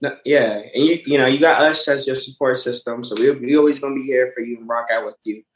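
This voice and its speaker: A young man with a mid-pitched voice, chatting casually on a podcast in loose slang and stumbling over repeated words. The room sound is echoey. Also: fairly even intonation, fast talker, a little hiss or hum. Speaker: podcast co-host. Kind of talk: casual chat.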